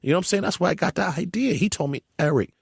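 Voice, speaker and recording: A man telling a story in an interview, animated and emphatic, acting out the people he quotes. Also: high voice, very fast, gravelly, slightly rough, no room sound, studio quality.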